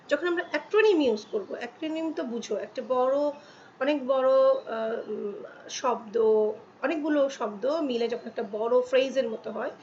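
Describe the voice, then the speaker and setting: High-voiced woman teaching English grammar. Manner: slow, drawn-out reading of English examples; checks in with the listener often. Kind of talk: explaining articles to students in Bengali. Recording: dull lo-fi with faint ambient noise.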